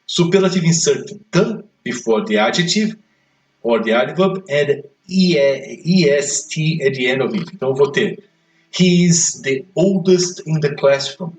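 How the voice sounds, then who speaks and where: Teacher explaining step by step. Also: male voice, fairly high pitch, animated, a little slow. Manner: explains step by step, often checks with "né?" and "ok?". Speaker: English teacher. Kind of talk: grammar lesson explaining in Portuguese. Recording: echoey room, mic far off, faint music.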